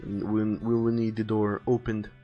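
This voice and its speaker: Music plays as a man livestreams his visual novel illustration work, casually thinking through plans and circling back to reword things. The audio sounds dull, and his lowish voice comes across flat and slightly slow.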